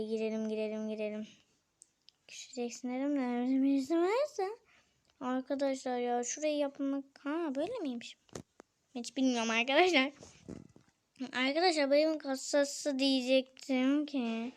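Young female gaming vlogger, high-pitched, chatty and excitable. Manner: chatty, addresses viewers, exclaims and frets aloud. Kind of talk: casual game commentary.

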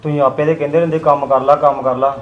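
A man's voice: a little high, little pitch movement, fast talker, natural voice. A man playing an idle, stubborn younger brother who insistently argues back. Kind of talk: scripted web drama acting. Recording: roomy, dull lo-fi sound.

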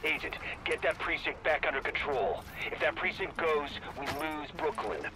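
A man's voice: on the high side, animated, moderate pace, rough recording. An actor playing a male mission commander giving clipped orders over a radio. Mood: commanding.

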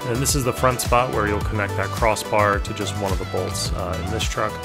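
A lowish, creaky, fairly quick voice with little pitch movement belongs to a DIY builder in his thirties narrating a workshop build. His casual, practical explanation includes filler words and self-corrections, with background music behind him.

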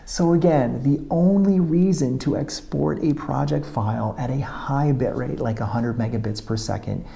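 A motovlogger films himself on a tripod camera for a technical tutorial, methodically walking through camera and export settings step by step. His mid-range voice is creaky and dark-toned, at normal speed.

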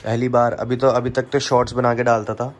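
A man's voice: mid-range voice, level tone, brisk. A young man filming a casual home vlog, chatting to the camera and cooing baby talk to his pet parrots. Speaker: vlogger.

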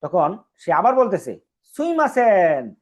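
A man's voice: a little high, very animated, measured pace, a little mellow, slightly rough. A man teaching a Japanese lesson, explaining step by step and repeating each phrase. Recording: dull lo-fi recording.

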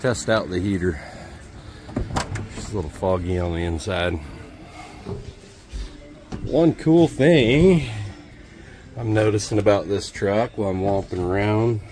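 Soft background music plays as a homesteader with a fairly low voice casually presents his old truck outdoors and in its cab, filming on a handheld phone. He talks slowly with frequent pauses, relaxed and offhand, thinking aloud with dry jokes in this walkaround vlog.

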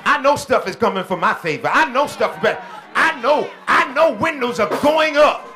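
A man preaching a sermon as senior pastor, with call-and-response shouting bursts and quieter stretches. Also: very high voice, animated, normal speed, over music, crowd noise. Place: church.

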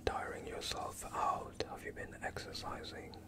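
In the role of a doctor, a young adult ASMR performer speaks in a close-mic, breathy whisper with no voicing at all. He asks his questions unhurriedly, keeping everything calm and soothing.

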